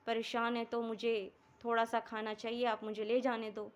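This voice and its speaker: Woman doing a poor old guy caught stealing, begging and sorry, high light voice in a told story. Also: completely flat delivery, muffled recording, close to an everyday voice. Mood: pleading. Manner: begging, apologetic. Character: poor old male thief, pleading and desperate.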